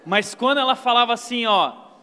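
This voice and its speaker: A man with a Brazilian accent preaching a sermon, telling stories and acting out quotes in an animated way. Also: very high-pitched, normal speed, clean tone. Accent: Brazilian Portuguese. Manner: animated storytelling with acted-out quotes. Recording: long hall reverb.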